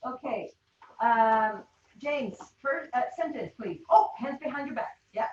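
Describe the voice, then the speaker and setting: A woman leading teachers through a classroom game, giving quick, instructive directions and laughing often. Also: a little high, lively intonation, a little mellow. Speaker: teacher trainer. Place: classroom or training room. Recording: roomy, distant, dull classroom sound.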